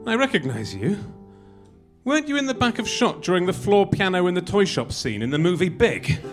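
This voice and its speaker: A man's voice: sing-song, fairly quick. A man doing a menacing old Turkish warden. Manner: theatrical, booming, hard to understand. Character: bizarre old male prison warden, menacing then giggly. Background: music.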